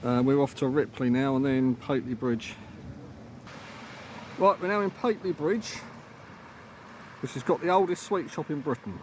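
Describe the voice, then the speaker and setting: A holiday vlogger narrates sightseeing on location in a casual, matter-of-fact, off-the-cuff way, recording on a handheld phone. His medium-pitched voice is a little mellow, at normal speed with long pauses, against clear ambient noise and occasional rain.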